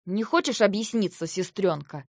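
A short-tempered young man, as a woman reads him in an audiobook, shouting reproaches. His voice sits close and dry, with no room around it, and he stays loud and accusing. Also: mid-range voice, lively intonation, normal speed, dry recording. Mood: angry. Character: angry young man, hot-tempered brother.

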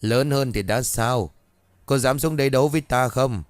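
A man's voice: medium pitch, moderate pace, no room sound, close to an everyday voice. A man voicing an elderly woman exorcist who commands a ghost sternly. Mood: commanding.

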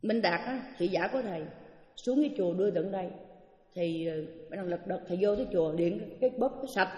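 A woman's voice: medium pitch, fast talker. An older woman tells stories in a dharma talk, slipping into the voices of the people she quotes. Her voice carries through a large, echoing hall. The recording is dull and lo-fi. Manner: animated storytelling, acts out quoted speech. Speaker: Buddhist teacher. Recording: echoey hall, dull lo-fi sound.

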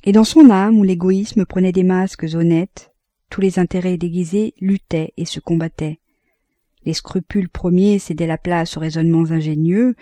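A woman narrating an audiobook of a classic novel in a calm, measured way, close to the mic. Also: lowish voice, dry recording. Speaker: audiobook reader.

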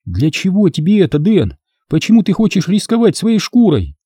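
A determined, wary young woman as a male narrator puts her on, earnest and pressing, in a raised voice with a dark, husky grain. The storybook reading is dry and close. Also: high-pitched, wildly swooping pitch, normal speed, no room sound, pitched above the performer's own voice, full character voice.

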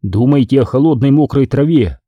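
A man's voice: medium pitch, a little fast, dry recording, narrow, tinny audio, lightly acted. A man voicing a decisive young man who gives firm commands. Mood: commanding.

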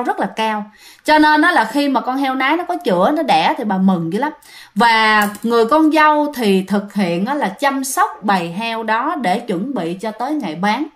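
A woman tells a ghost story in a high voice. She talks in a chatty way and often addresses her listeners directly.

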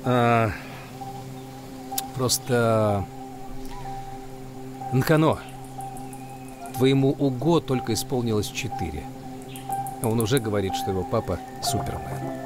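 A middle-aged man , acted as a football coach in a drama. He is stern but fatherly and speaks at an average male pitch over clear background music. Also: slow pace, pauses often, close to an everyday voice. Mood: reflective, earnest. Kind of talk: dramatic film dialogue.

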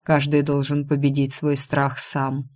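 A man's voice: on the high side, completely flat delivery, measured pace, a little mellow, close to an everyday voice. A woman voicing a cold, aloof male demon warrior who speaks curtly. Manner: cold, curt.

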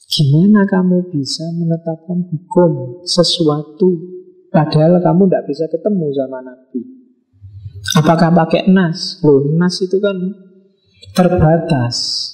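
A middle-aged man lectures in a relaxed, conversational way. His voice is mellow and sits a little high. He slips into quoted exchanges as he teaches. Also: a little slow, poor audio. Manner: conversational, acts out quoted dialogue. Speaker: philosophy lecturer. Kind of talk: casual lecture.

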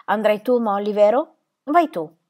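A woman's voice: mid-range voice, a little slow, highs cut off, pitched above the performer's own voice, lightly acted. A woman reading an audiobook, voicing an old grieving squire who trembles and pleads. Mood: anguished. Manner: anguished, pleading.

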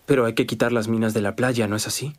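An actor playing an earnest captive soldier in a Latin American Spanish film dub, addressing a superior with deferential insistence. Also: male voice, mid-range voice, steady tone, quick pace, lightly acted. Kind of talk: dubbed film acting.

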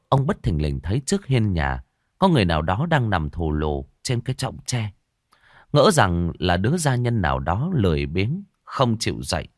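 Deep-voiced man telling a horror story. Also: no room sound, clean studio sound. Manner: dramatic, suspenseful storytelling. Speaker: narrator. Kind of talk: scripted horror story narration.

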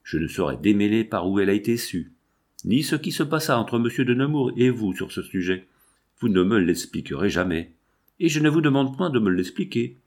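A man's voice: fairly low pitch, sing-song, brisk, a little mellow. A man voicing a jealous, anguished nobleman husband who questions his wife with impassioned reproach, in an audiobook reading.

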